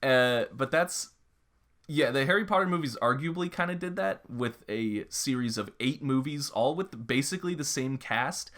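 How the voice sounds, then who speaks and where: A man's voice: mid-range voice, expressive, normal speed, fairly bright tone. A young man co-hosts a podcast in loose, casual conversation. He rambles, doubles back on his words and leans on fillers as he thinks aloud. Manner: rambling, lots of restarts and filler. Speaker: podcast co-host. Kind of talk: casual chat.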